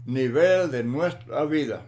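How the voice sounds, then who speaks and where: A man giving a Bible lesson in a slow, deliberate manner, often repeating words for emphasis. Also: mid-range voice, a little mellow, a little hiss or hum. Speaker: Bible teacher.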